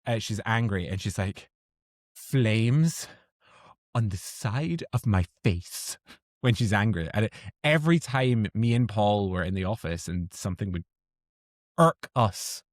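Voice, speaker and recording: A man's voice: on the low side, normal speed, no echo, studio quality. A man co-hosting a podcast, chatting in a playful, self-deprecating way. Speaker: podcast co-host. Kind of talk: casual podcast chat.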